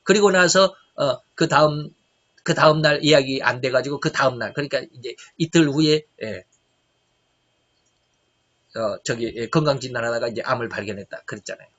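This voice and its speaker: A middle-aged man preaching a sermon, asking rhetorical questions and swinging between loud and soft. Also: mid-range voice, moderate pace. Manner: emphatic preaching, rhetorical questions, shifting loudness. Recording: dull lo-fi recording.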